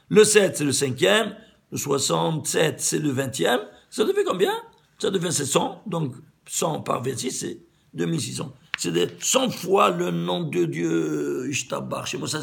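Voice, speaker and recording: Un rabbin qui donne un cours de Torah sur les valeurs numériques, animé, qui pose ses propres questions et se reprend souvent. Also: male voice, fairly high pitch, creaky. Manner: animated, asks and answers his own questions, stumbles and repeats words. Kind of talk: Torah lesson on gematria.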